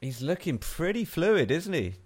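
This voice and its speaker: A man's voice: on the high side, sing-song, normal speed, darkish tone. A man giving casual, chatty snooker co-commentary with informal, blokey reactions in short remarks. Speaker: podcast co-host and co-commentator.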